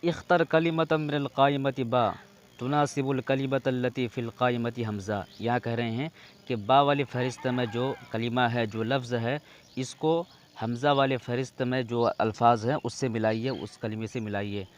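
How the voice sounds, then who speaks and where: A man's voice: medium pitch, fairly even intonation, moderate pace. A man teaching an Arabic lesson in Urdu, reading Arabic words aloud one at a time and then explaining what each one means.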